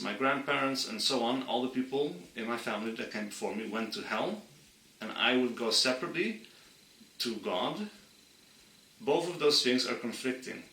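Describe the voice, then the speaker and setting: A man from Friesland, earnestly explaining history to his channel's viewers and slowing down to stress key points. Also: mid-range voice, sharp tone, roomy sound, recorded from a distance, rough recording. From Friesland, Netherlands. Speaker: channel host. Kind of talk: explainer monologue.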